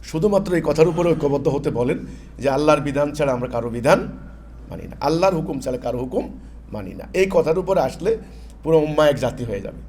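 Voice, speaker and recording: Male preacher from Bangladesh, emphatic and repetitive delivery, voice pitched a little high. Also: lively intonation, quick pace, darkish tone, slight background noise. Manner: emphatic, repeats phrases, mixes in English words. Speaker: Islamic preacher. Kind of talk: sermon-style religious talk.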